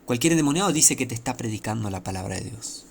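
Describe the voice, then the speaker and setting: A man's voice: mid-range voice, expressive, quick pace, vocal fry, slight background noise. A man with an Argentine accent preaching an informal sermon, emphatic and repetitive, with many rhetorical questions. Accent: Argentine Spanish.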